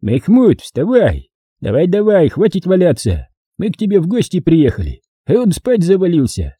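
A tough commander barks blunt orders over a crowd, as a male audiobook reader puts him on. His voice is raised and husky, with a dry, close sound. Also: high voice, huge pitch swings, normal speed, dark tone, no room sound, pitched above the performer's own voice, exaggerated voice. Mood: jovial.

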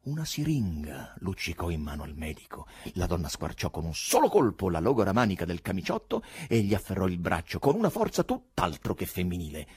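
Male audiobook narrator: husky, low, theatrical, very lively delivery. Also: no room sound. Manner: expressive, theatrical storytelling. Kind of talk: dramatic literary reading.

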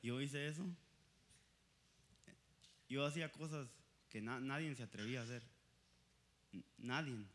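A young man preaching a passionate sermon with personal testimony, moving between loud exhortation and quiet confession and slipping English words into his Spanish. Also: medium pitch, normal speed, pauses often.

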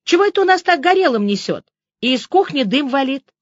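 A woman narrator voicing a brash teenage schoolgirl who calls out loudly and quickly. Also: high voice, very animated, no echo, voice pushed up. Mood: alarmed. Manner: loud and quick. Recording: dry, slightly dull audiobook recording.

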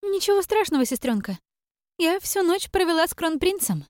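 A woman's voice: extremely high pitch, sing-song, normal speed, a little mellow, no room sound, studio quality, pitched above the performer's own voice. A woman voicing a sly young woman, a scheming sister, with a sugary, sing-song, mocking way of talking.

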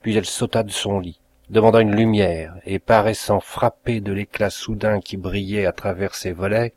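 A man with a somewhat low voice narrates an old novel. His reading is measured and expressive, with the steady pace of an audiobook. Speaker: audiobook reader. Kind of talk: scripted narration.

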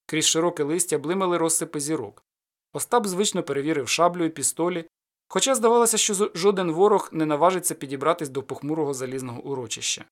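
Man narrating a folk tale, fairly high voice. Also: fast talker. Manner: steady storytelling, lowers voice after quotes. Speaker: audiobook narrator. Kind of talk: scripted narration of a folk adventure.

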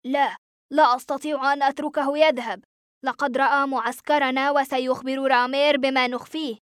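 A woman's voice: high voice, steady tone, a little fast, no echo, studio quality, lightly acted. A woman voicing a ruthless rebel general. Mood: cold commanding. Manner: curt, commanding.

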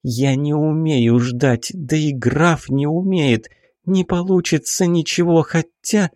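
A man reading an audiobook, voicing a headstrong, passionate young baroness with imperious, drawn-out exclamations. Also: on the high side, fairly even intonation, a little mellow, no room sound, clean studio sound, voice pushed up. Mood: resigned.

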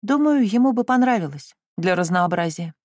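A woman's voice: medium pitch, lively intonation, a little fast, darkish tone, dry recording, pitched above the performer's own voice, lightly acted. A reader voicing a defiant young woman who speaks boldly and cheekily to her relatives in an audiobook, recorded dry and close. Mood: cheeky. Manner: bold, cheeky, mocking. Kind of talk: audiobook reading.

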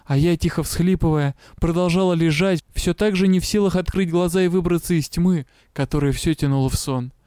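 A man's voice: fairly high pitch, brisk, few pauses, a little mellow, no echo, clean studio sound. A man reading a first-person fantasy audiobook in an emotional, intimate way. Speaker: audiobook reader.

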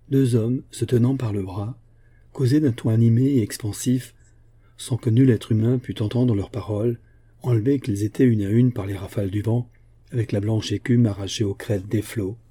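A man reading a novel aloud in a steady, measured audiobook narration. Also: on the low side, breathy edge. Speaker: audiobook reader.

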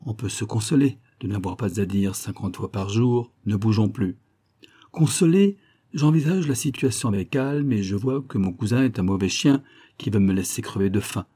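A man's voice: lowish voice, warm tone, husky. A man doing a cynical scheming crook. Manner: coolly reasoning, persuasive. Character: cynical scheming male criminal plotting a murder. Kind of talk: audiobook character voice.

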